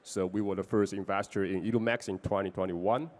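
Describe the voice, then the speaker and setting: In a brisk, slightly mellow voice with fairly level intonation, this Taiwanese man delivers a business pitch for his investment fund. His accent marks him as from Taiwan, and small grammar slips creep in.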